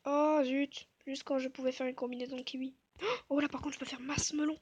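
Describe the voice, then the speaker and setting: A woman giving casual gameplay commentary, talking softly to herself and the viewers with self-mocking asides. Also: sits high, little pitch movement, fairly quick, muffled recording. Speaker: gaming video creator.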